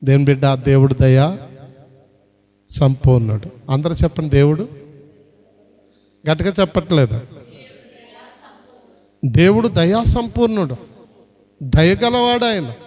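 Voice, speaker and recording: A man's voice: on the high side, animated, unhurried, long pauses, darkish tone. A man preaching a sermon as pastor, repeatedly urging the congregation to answer aloud. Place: prayer hall. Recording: long hall reverb.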